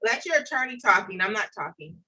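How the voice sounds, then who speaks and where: A woman's voice: mid-range voice, animated, fast, pushed and bright, rough recording. A woman speaking as a judge in a courtroom, putting formal questions and explaining procedure step by step.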